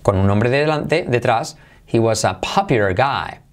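Lively Spanish-accented man teaching English. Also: mid-range voice, crowd noise. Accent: Spain Spanish. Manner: lively, repeats words slowly to drill pronunciation. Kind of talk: online language lesson.

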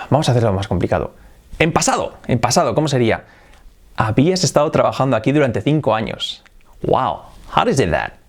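A man teaching an English lesson, repeating example sentences slowly, chatty and encouraging. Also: medium pitch. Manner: chatty and encouraging, with light laughs. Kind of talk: online language lesson.

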